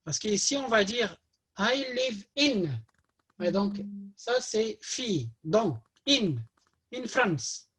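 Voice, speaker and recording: A woman teaching a language class, reading a dialogue aloud and slowly repeating each word so learners can copy it. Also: medium pitch, lively intonation, breathy edge. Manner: patient, explains grammar in simple terms. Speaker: Arabic teacher.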